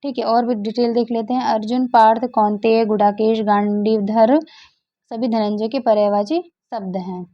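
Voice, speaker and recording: A woman's voice: on the high side, steady tone, normal speed. A woman teacher walking through exam questions, asking and then answering her own questions. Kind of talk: exam-prep lesson explaining answers. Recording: dull lo-fi recording.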